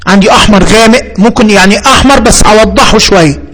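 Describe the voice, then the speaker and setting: High-voiced Egyptian man explaining hesitantly. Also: fast talker, a bit bright, poor audio. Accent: Egyptian Arabic. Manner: hesitant, thinks aloud, repeats himself as he explains terms. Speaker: computer instructor. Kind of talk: screen-reader software tutorial.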